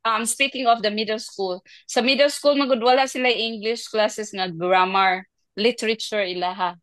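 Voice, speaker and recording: A woman's voice: medium pitch, moderate pace, no room sound. A woman with a Filipino accent, a teacher chatting casually on a podcast and acting out classroom exchanges with her students. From Philippines. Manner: animated storytelling, acting out classroom exchanges with laughs. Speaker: teacher sharing her experience.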